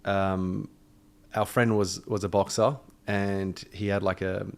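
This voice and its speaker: An Australian man in his thirties, a podcast guest chatting casually, relaxed and jokey. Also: fairly low pitch, takes it slowly. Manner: relaxed, jokey, laughs often.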